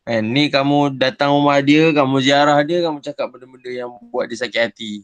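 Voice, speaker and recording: A man's voice: mid-range voice, steady tone, fairly quick, clear, resonant tone, no room sound. A young adult man with a Malaysian Malay accent, teaching young pupils a religion lesson in an online class in a chatty, teasing way, often checking with "kan?". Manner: acts out silly examples with a chuckle.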